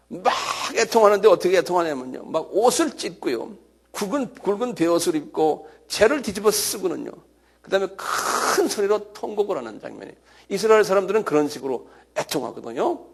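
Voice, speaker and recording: A man preaching a sermon as a pastor, animated, with sudden loud shouted cries, often checking the listeners with a quick question. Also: high-pitched.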